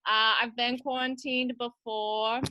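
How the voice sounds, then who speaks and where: Woman as blunt grown-up witch, crude, deadpan, bright voice, dry sound. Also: fairly high pitch, a little slow, no echo, muffled recording. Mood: wry. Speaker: comedian. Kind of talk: cosplay stand-up character bit.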